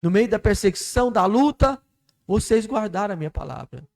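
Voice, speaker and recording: Fervent high-voiced Brazilian pastor preaching. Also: male voice, animated, fairly quick, gravelly, a little mellow. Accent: Brazilian Portuguese, Minas Gerais. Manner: fervent preaching that rises and drops in volume. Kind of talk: sermon. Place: church.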